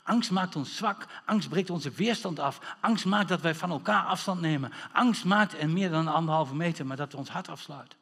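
A man preaching a sermon, animated, full of rhetorical questions and bursts of shouting. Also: on the high side, normal speed, hardly any pauses. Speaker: pastor. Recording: long hall reverb.

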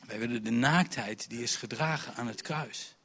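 A man preaching an Easter sermon, swinging between loud bursts and hushed asides, acting out quoted dialogue in character voices. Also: medium pitch, moderate pace, husky. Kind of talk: lively Easter sermon with personal story.

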